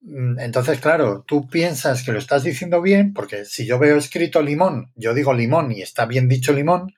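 Male scientist co-host, breathy husky timbre, patient explainer. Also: mid-range voice, expressive, moderate pace, darkish tone. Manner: explaining with examples. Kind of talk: casual chat.

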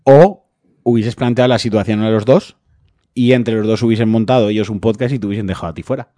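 A man's voice: on the low side, fast talker, dark tone, no room sound. A man with a Spanish accent co-hosting a podcast, telling stories in a chatty way and laughing easily. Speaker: podcast co-host. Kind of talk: casual podcast chat.

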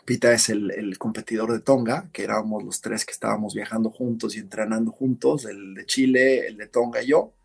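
A man, a podcast guest, telling a story in casual conversation, animated and acting out what others said. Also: lowish voice, brisk, creaky, hardly any pauses, husky. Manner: animated storyteller, acts out shouted quotes.

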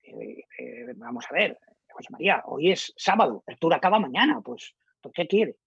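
A man's voice: sits high, very animated, normal speed, dry recording. A middle-aged man from Spain, a radio journalist guest, animatedly telling an anecdote and acting out the dialogue he quotes. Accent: Spain Spanish. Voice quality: husky. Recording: dull lo-fi dry recording.

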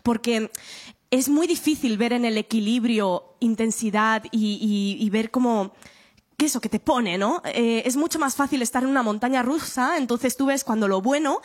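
A young woman talks openly in an interview, her voice sitting fairly high. She is candid and lively, swears without fuss and laughs as she tells her stories. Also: moderate pace. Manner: frank and expressive, swears freely, laughs while telling stories. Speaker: guest, journalist and author.

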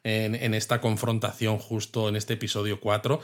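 A man's voice: on the low side, little pitch movement, moderate pace. A man, co-hosting a podcast and reviewing a TV episode in casual, thoughtful chat that is full of tag questions. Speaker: podcast co-host.

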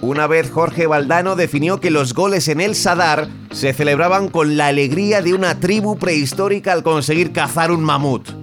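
Slightly high-voiced male sports storyteller. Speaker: narrator, storyteller. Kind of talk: conversational scripted sports storytelling. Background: guitar and music.

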